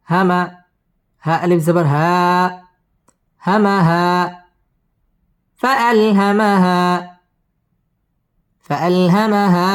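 Slow, chanting male tajweed teacher. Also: high voice. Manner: measured, drawn-out chanting of each syllable. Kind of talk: slow letter-by-letter spelling and melodic recitation.

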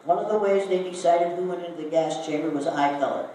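An older woman from Iowa, United States, speaks quickly in a lowish, mellow voice while telling a story to a live audience and asking them questions. The talk was recorded from a distance in a very reverberant hall with faint noise.

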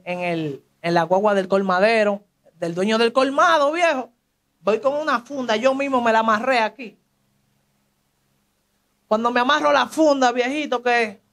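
Young Dominican man, high-pitched and animated, telling his own story in street slang; brings in other people's voices as he goes. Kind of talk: casual testimony.

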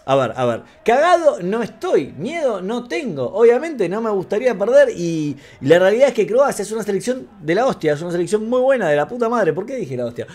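An Argentine man with a very high voice, reacting live to a football match. He is excitable and emotional and talks straight to the screen. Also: a little fast, few pauses. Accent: Argentine Spanish.

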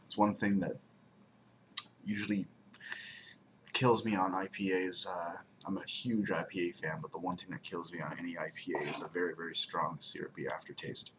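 A young man reviews a beer casually at home, his desk webcam set up in a room by the window blinds. His low voice barely moves in pitch and keeps a moderate pace as he rambles and repeats words for emphasis, with background noise present.

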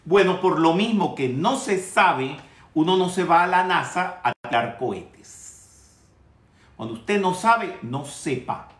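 A man gives an unhurried spiritual lecture in a trained, projected voice that sits a little high for a man. He teases and scolds his listeners with humorous asides. The recording carries a roomy echo. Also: lively intonation. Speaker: metaphysics teacher.

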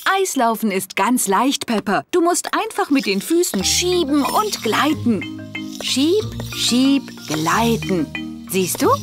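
A woman's voice: on the high side, very animated, slow, over music. A woman voicing a kindly, sensible mummy pig in a children's cartoon, speaking in a patient, encouraging way.

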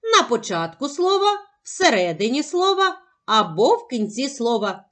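A woman teaching a phonics lesson to young children, sounding out syllables slowly and carefully. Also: high voice, sing-song, a bit bright. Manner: slow, careful, over-articulated sounding out of syllables.

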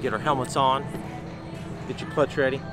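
A man's voice: mid-range voice, fairly even intonation, moderate pace, over music. A man in his forties hosting a casual vlog, upbeat and chatty with a teasing edge, filmed on a camera mic outdoors at a racetrack. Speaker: vlog host. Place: outdoors at a racetrack and indoors in a training building. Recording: noisy outdoor camera audio.

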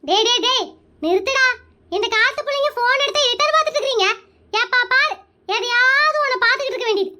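A squeaky, bright, bossy cartoon aunt. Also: heavily acted. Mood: nagging. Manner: scolding, bossy, rapid-fire nagging. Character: bossy meddling middle-aged aunt, loud and scolding. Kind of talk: cartoon comedy voice acting.

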